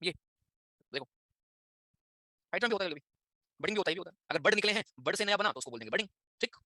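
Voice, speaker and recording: A man's voice: high voice, expressive, quick pace, pushed and bright, no room sound, studio quality. A man teaching an online class in a chatty, direct way, checking in with students constantly through tag questions.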